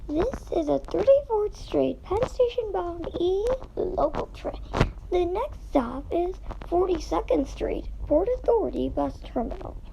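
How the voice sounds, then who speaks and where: A woman's voice: extremely high pitch, expressive, unhurried, vocal fry. A woman with an American accent reading formal, scripted subway announcements over the train intercom. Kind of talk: scripted automated transit announcement. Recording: noisy subway car intercom recording.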